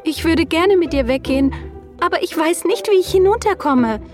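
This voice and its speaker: A woman voicing an anxious, lovestruck young princess in a storybook reading, with high, eager, pleading lines over background music. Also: lively intonation, moderate pace. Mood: hopeful.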